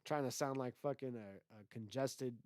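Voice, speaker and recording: Congested and swearing freely, a man runs a solo livestream podcast as a loose, rambling, profane rant. His mid-range, slightly mellow voice moves at a normal speed with no room sound.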